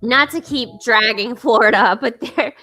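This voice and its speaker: A woman's voice: a little high, normal speed, sharp tone, soft background music. A woman co-hosting a casual podcast, chatting with many fillers and restarts. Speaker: podcast co-host. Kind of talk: casual chat.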